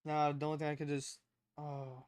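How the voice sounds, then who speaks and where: A man's voice: a little high, little pitch movement, fairly quick, a little mellow, no echo. A young man co-hosting a livestream, chatting casually in slangy, informal language. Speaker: livestream co-host. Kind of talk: casual chat.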